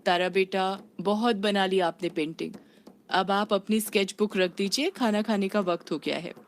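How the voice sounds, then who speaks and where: A woman's voice: medium pitch, steady tone, moderate pace, slight background noise, lightly acted. A woman voicing a mother of a young girl, affectionate with her daughter but firm when ignored.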